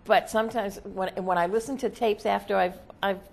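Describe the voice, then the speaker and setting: Talking as a seance medium, a woman describes her trance channeling in a relaxed interview, pausing often and asking "okay?" along the way. Her voice is medium-pitched, gravelly and fairly even in intonation.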